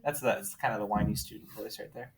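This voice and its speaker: A man's voice: lowish voice, steady tone, fast, voice pushed down, close to an everyday voice. A man teaching a class puts on the voice of a whiny student begging to cut corners. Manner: whiny, pleading. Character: whiny pleading teenage student.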